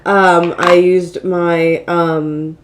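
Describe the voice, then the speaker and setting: This beauty vlogger's voice sits low, and her delivery is flat, with drawn-out words and a faint hiss or hum on the recording. A mild cold leaves her a bit congested and nasal as she casually hosts a get-ready-with-me makeup vlog, joking at her own expense.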